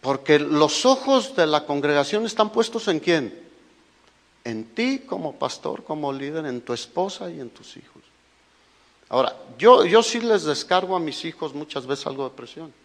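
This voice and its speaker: Recorded in an echoing hall, this man preaches a sermon as a pastor in a Mexican Spanish accent, emphatic and heavy on rhetorical questions to his listeners. His pitch is fairly high, his intonation lively, and his pace moderate.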